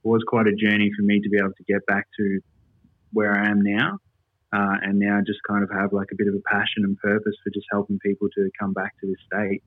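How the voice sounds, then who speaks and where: Over dull, lo-fi call audio with no room sound, a fairly low-pitched Australian man speaks in a monotone at a fairly quick clip. He's a military veteran being interviewed, earnestly explaining his points in an Australian accent.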